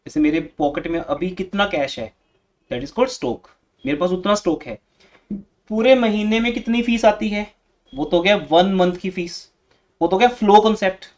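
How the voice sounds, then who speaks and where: A man teaches economics to a class, stopping to correct and scold his students as they read aloud. His voice sits fairly high. The recording is dull and lo-fi, as if made in the classroom. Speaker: commerce teacher.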